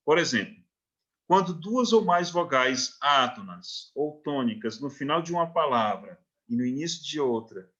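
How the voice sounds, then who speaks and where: A man's voice: mid-range voice, sing-song, moderate pace, sharp tone, muffled recording. A man with a Brazilian Portuguese accent teaching a recorded literature lesson, checking in often with short questions and reading verse lines out syllable by syllable. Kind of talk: recorded online lecture.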